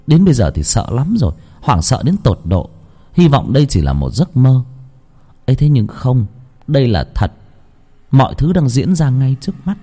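A man narrating a horror story in a dramatic, slow and suspenseful way. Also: on the low side, warm tone, husky.

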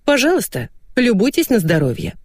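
A woman voicing a brisk, businesslike female colleague who reports facts crisply. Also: fairly high pitch, wildly swooping pitch, no echo, clean studio sound, voice pushed up. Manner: businesslike, drawling.

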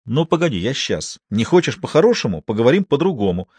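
A man voicing a loud, indignant male patient who demands surgery and yells and whines when refused. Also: mid-range voice, sing-song, fast, breathy edge, no echo. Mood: whining. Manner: demanding, whiny yelling.

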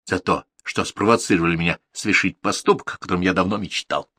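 A man's voice: low-pitched, quick pace, bright, forceful tone, dry recording, clean studio sound. A man voicing a defiant young male journalist who answers with cool, mocking composure.

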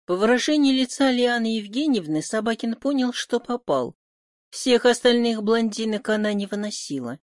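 A woman narrating an audiobook in an even, measured manner. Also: a little high, no room sound, studio quality. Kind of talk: scripted narration.

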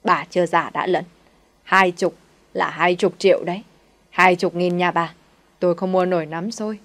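A woman's voice: on the low side, steady tone, moderate pace, lightly acted. A woman voicing a greedy, scornful middle-aged female village shaman who sneers and scolds. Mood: furious.

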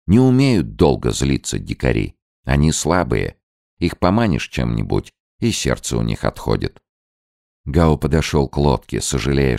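A man narrating an audiobook in a measured storytelling voice. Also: rumbling low, creaky, a little mellow, no echo, studio quality. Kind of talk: scripted narration.

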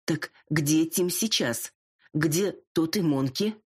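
A fierce dragon matriarch who barks orders and scolds in a husky, raised voice, as a woman reader puts her on. She speaks slowly and heavily, and every line lands like a command. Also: deep voice, pitched above the performer's own voice, exaggerated voice. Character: domineering older dragon mother, fierce.

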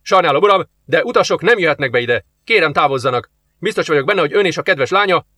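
A man reading aloud, voicing a big bald security guard who speaks loud and officious. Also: fairly high pitch, expressive, dry recording, voice pushed up. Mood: stern.

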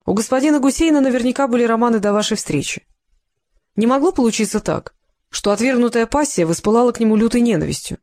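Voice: medium pitch, animated, fast talker, darkish tone, no room sound, close to an everyday voice. A reader voicing a persistent polite investigator. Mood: courteous. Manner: courteous but probing.

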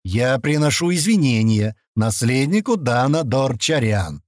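A man voicing a large imperial guard chief who hides hatred behind slow, forced courtesy, in an audiobook. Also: medium pitch, big pitch swings, a little mellow, no echo, studio quality. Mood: stiffly polite.

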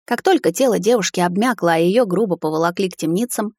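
A woman reading a fantasy novel aloud in a measured, expressive narration. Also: fairly low pitch, no echo, clean studio sound. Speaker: audiobook narrator.

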